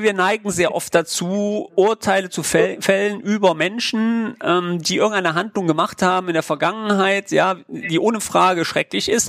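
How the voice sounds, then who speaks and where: Male interviewer, gravelly and fairly high-pitched, hesitant and filler-heavy, dry sound. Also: fairly bright tone, dry recording. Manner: hesitant, searching for words with frequent fillers. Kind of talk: conversational interview questions.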